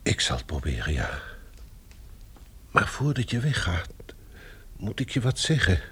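A man's voice: lowish voice, sing-song, measured pace, a bit bright, slightly rough, full character voice. An actor playing an older male professor in a radio drama, shaken and earnest after nearly drowning. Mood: grave. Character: elderly male professor, frightened but dignified.

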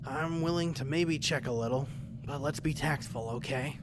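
A woman's voice: sits low, normal speed, heavy background noise, natural voice. A woman voicing Bob, an exasperated, sarcastic adventurer, in a comedic audio drama.

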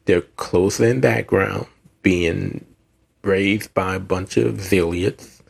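A man with a Southern US accent, co-hosting a podcast in a rambling, animated casual chat. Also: sits low, slow, gravelly, breathy edge. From American South. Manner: animated, rambling, with frequent restarts. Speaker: podcast co-host.

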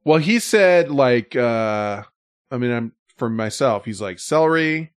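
A man's voice: medium pitch, lively intonation, unhurried, clear, resonant tone. A middle-aged man with a mid-range voice hosts a casual conversation. He rambles along loosely and swears freely as he goes. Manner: rambling, profane. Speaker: podcast host. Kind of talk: casual chat.

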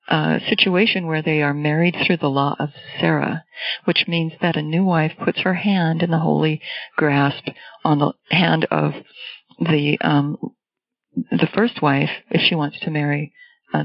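A woman academic answering interview questions over a low quality stream, thoughtful and pausing often. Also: gravelly, no echo. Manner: thoughtful, hesitant with pauses. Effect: low quality stream audio. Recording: muffled lo-fi call audio.

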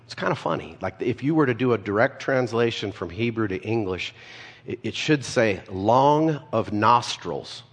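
A man's voice: lowish voice, husky. A man preaching a conversational sermon, telling stories with casual asides. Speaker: pastor. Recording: long hall reverb.

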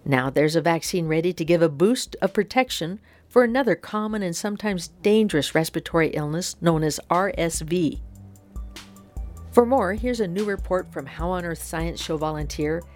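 Low-pitched American woman hosting science radio. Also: expressive, moderate pace, a little mellow, soft background music. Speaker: science show host. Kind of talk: scripted radio news introduction.

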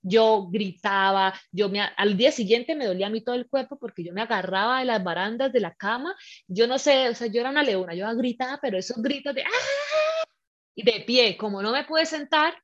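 A woman telling a personal story in casual chat, animated and acting out the scenes with her voice. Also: on the high side, brisk. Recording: slightly muffled lo-fi recording.

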